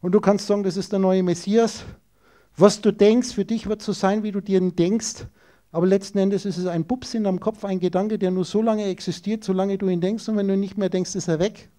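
Mellow high-voiced man lecturing. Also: steady tone, fairly quick. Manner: emphatic, rhetorical, addresses listeners directly. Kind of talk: esoteric lecture to an audience.

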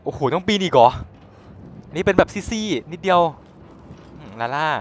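Excitable young man commenting on a game. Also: sits high, moderate pace, dull audio, a little hiss or hum. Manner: excitable, exclaiming and joking. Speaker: gaming streamer.

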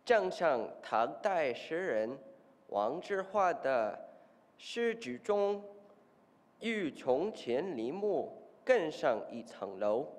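A man's voice: on the high side, darkish tone. A teenage boy declaiming a formal memorized speech in learner's Mandarin. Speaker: high school student contestant. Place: auditorium stage at a podium. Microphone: podium microphone. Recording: echoing auditorium hall.

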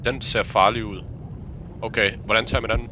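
A man's voice: lowish voice, steady tone, bright, forceful tone. A man playing a co-op game with a friend, giggling often and shrieking in panic, over a noisy mic with background hum. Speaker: co-op gaming partner. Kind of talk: excited co-op gameplay chat.

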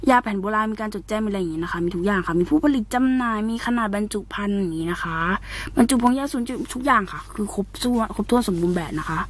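A woman talks in a loose, rambling way, teasing and dropping slangy asides as she reviews a product at home. Her voice sits at an ordinary middle pitch. She sounds like she is recording in her bedroom. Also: fast, hardly any pauses. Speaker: vlogger. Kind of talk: casual product review vlog.

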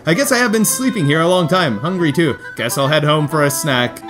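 A man's voice: a little high, lively intonation, brisk, music in the background, close to an everyday voice. A man voicing a sleepy, self-important pet cat in a video game, musing drowsily. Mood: sleepy, nonchalant.

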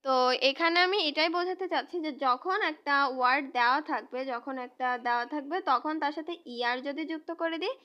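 A woman teacher explaining English grammar to students in a slow, patient way, repeating and spelling out each example word. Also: high voice, fairly bright tone.

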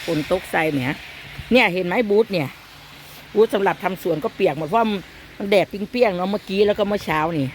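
A woman's voice: mid-range voice, fast, a little hiss or hum. A woman with an Isan accent chatting casually to the camera, self-mocking and full of exclamations, outdoors in her garden. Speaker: vlogger mother.

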